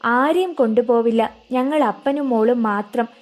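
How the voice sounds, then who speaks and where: മദ്യപിച്ച് വീമ്പു പറയുന്ന ഒരു അച്ഛനായി വായിക്കുന്ന ഒരു സ്ത്രീ. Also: female voice, on the high side, moderate pace, lightly acted. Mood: boastful. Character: doting drunken father, middle-aged man.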